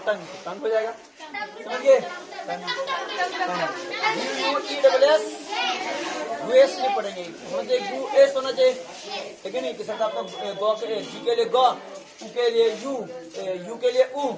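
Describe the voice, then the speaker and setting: A woman teaching a class on English pronunciation. She spells words out letter by letter and keeps asking her students whether they follow. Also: on the high side. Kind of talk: classroom lesson.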